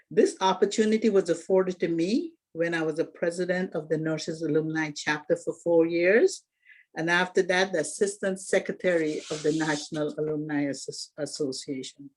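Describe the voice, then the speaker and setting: In an earnest, orderly prepared speech, a woman in her sixties who came from Guyana introduces herself as running for alumni association president. Her pitch is fairly low, and she restarts now and then.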